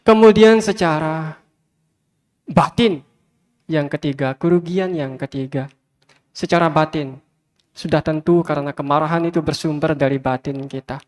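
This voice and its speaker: A man with a fairly high voice, a Buddhist monk, preaches a sermon at normal speed with long pauses, repeating emphatic phrases and addressing his listeners directly. He is in a large hall full of fans, and the recording carries a long hall reverb.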